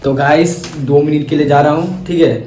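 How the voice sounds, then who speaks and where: A man's voice: a little high, steady tone, fairly quick. A man talking casually as he presents a challenge vlog with his friends. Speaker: challenge vlogger. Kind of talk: casual prank-challenge chat among friends. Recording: roomy echo, some background noise.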